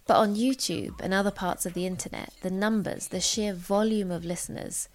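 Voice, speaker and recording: A woman's voice: medium pitch, fairly even intonation, normal speed. A woman, hosting a podcast with scripted narration and interview questions. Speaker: podcast host.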